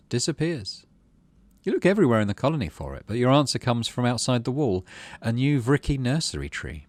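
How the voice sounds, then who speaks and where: Story text from a video game is read aloud by a man with a mid-range voice, narrating expressively. He uses a dramatic storybook delivery punctuated by casual asides, and there's no room sound.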